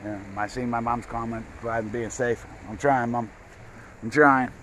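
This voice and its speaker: A gold prospecting vlogger narrates casually by a river into an action camera, his medium-pitched voice steady, moderately paced and fairly bright. He rambles in a folksy way and repeats himself. The recording is rough, with slight background noise.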